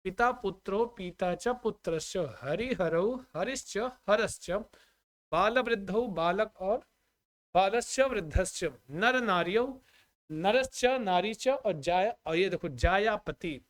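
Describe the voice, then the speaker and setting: A man teaching Sanskrit grammar in a live online class, asking his students questions again and again and reciting example compounds in a measured, chanting way. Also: high-pitched, animated. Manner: drills students with repeated questions and checks on the audio.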